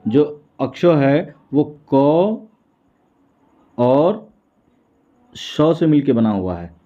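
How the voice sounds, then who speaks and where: A man teaching a Hindi exam prep lesson. He asks questions and answers them himself, repeating each point. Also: on the high side. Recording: tinny phone-like sound.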